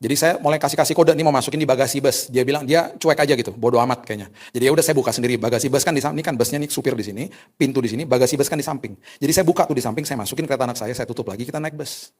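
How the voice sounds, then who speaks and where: Male pastor, quick lively preacher acting out little scenes. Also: mid-range voice. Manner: animated, colloquial Jakarta-style slang, acts out dialogue. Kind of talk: sermon with personal stories.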